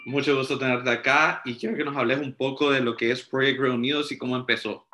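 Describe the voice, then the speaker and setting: Bright-voiced male podcast host. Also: mid-range voice, fairly even intonation, fairly quick. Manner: conversational, asks open questions. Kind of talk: interview.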